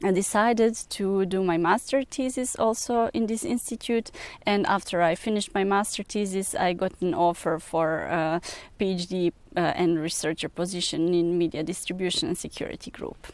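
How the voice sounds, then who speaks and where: A young woman from Serbia with a Serbian accent, a researcher speaking in an interview, pausing often with many filler sounds. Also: lowish voice, steady tone, no room sound. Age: young adult. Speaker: researcher and PhD student. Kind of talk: recruitment video interview.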